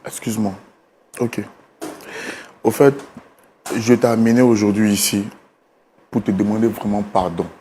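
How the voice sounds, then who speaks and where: A man's voice: lowish voice, steady tone, measured pace, long pauses, dark tone, slight background noise. A man in a comedy sketch, apologizing and pleading his innocence. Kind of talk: comic sketch acting.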